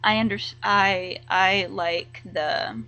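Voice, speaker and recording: A young woman chatting casually to camera as a vlogger, rambling and halting, full of likes and ums. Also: medium pitch, steady tone, bright, forceful tone, low-quality recording.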